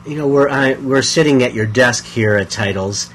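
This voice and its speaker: A man interviewing a bookshop owner in a relaxed, friendly way, prompting her with questions. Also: mid-range voice, moderate pace, slight background noise. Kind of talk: casual interview.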